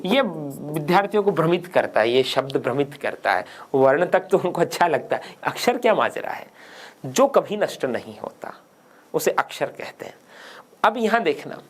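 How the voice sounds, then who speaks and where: A man's voice: fairly high pitch, a little hiss or hum. A man teaching grammar in a studio for an exam-prep lesson, emphatic and asking and answering his own questions.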